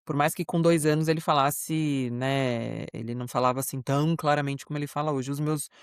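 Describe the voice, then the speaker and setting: A woman's voice: sits low, steady tone, fairly quick, smooth, dry recording, studio quality. A Brazilian woman co-hosting a podcast, telling stories in a chatty, proud, easygoing way. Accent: Brazilian Portuguese. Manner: warm, proud storytelling, chatty with many fillers. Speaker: podcast co-host. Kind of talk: casual chat between friends.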